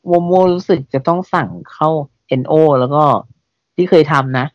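Hesitant podcast co-host, muffled mic. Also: male voice, on the high side, moderate pace, no room sound. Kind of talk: casual podcast chat.

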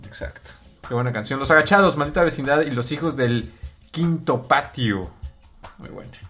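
A man's voice: medium pitch, moderate pace, fairly bright tone, faint music behind. A man who hosts a radio show and works in dubbing, chatting casually and asking teasing questions. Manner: teasing, asks playful questions. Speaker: radio show host, voice actor and narrator.

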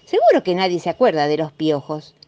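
A woman's voice: lowish voice, huge pitch swings, brisk, warm tone. A woman voicing a stern, fussy father with a Rioplatense accent, in a scolding, firm manner. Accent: Rioplatense Spanish. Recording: dull muffled recording.

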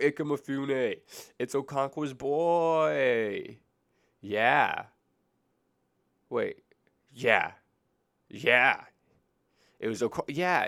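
Here a podcast host of about twenty talks alone from a basement, his medium-pitched voice creaky and a bit bright, his nose stuffed up. He drifts between tangents, fixes his own words, and leans on sarcastic humor.

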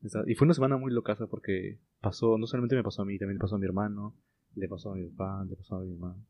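A low-voiced man tells a story in relaxed conversation, pausing often and restarting his sentences. The recording is dull and lo-fi, as if captured on a cheap microphone. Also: a little hiss or hum. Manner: hesitant, many fillers and restarts. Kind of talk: casual chat. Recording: lo-fi muffled sound.

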